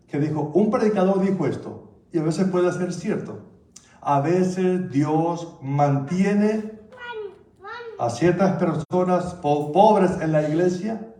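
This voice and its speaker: High-voiced preaching man in an echoey church. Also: dark tone. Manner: conversational preaching, repeats "¿verdad?" and "con el Señor". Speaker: pastor. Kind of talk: sermon. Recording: echoey church hall, mic at a distance.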